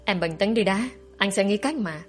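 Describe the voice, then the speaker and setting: A woman voicing a caring young man who speaks gently and reassuringly. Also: medium pitch, normal speed, faint music behind, natural voice.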